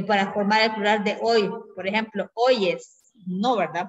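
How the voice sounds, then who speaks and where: A woman teacher giving a grammar lesson who explains patiently and keeps checking in with her class through quick tag questions. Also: medium pitch. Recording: dull lo-fi recording.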